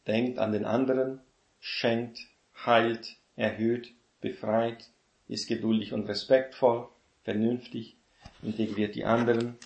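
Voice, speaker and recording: A man giving a sermon, reading a list of contrasts slowly and repeating lines, often adding "ne?" as he teaches. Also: medium pitch, creaky, a little mellow, echoey room. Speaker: preacher.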